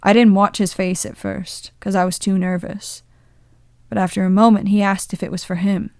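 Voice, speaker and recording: A woman voicing a young man in his twenties, sheepishly and tenderly recounting a memory in halting confessional storytelling. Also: mid-range voice, little pitch movement, darkish tone, no room sound, studio quality, natural voice. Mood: wistful.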